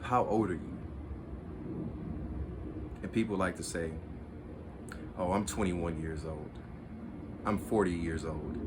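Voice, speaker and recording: Deep-voiced man preaching with background hiss. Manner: preachy, repetitive, earnest lecturing. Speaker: spiritual video host. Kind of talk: monologue to camera.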